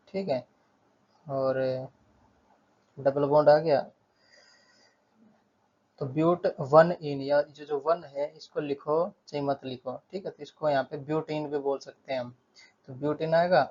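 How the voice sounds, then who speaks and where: A man's voice: medium pitch, a little mellow, dull audio. A male chemistry tutor explaining a lesson at a board, steadily repeating terms and counting aloud.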